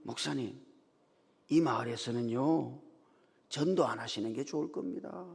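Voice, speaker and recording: A man's voice: mid-range voice, normal speed, vocal fry, breathy edge, pitched below the performer's own voice. A male pastor voicing a skeptical young village man who argues bluntly, in a church hall with long reverb. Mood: arguing.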